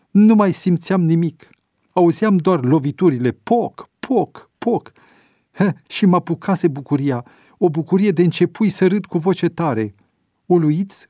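A man voicing an imprisoned believer who tells his story in an exultant, loud, high-flying voice. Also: dry recording, studio quality, lightly acted.

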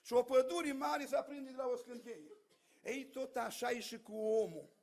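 A man's voice: very high voice, darkish tone. A preacher man. He tells his testimony in a storytelling way, then turns fervent and calls out to the congregation. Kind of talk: sermon with personal testimony.

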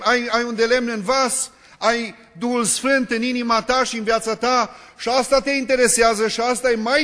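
A man's voice: very high voice, a bit bright. A man preaching a sermon, driving his point home with repeated rhetorical questions and emphatic lists. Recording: long reverb of a large hall.

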